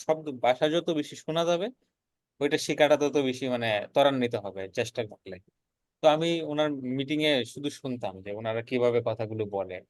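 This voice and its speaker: Brief: young freelancer, earnest and quick, recorded dry and close. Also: male voice, medium pitch, no room sound. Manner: earnest, repeats words while building a point. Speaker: freelancer guest. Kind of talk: casual conversational storytelling.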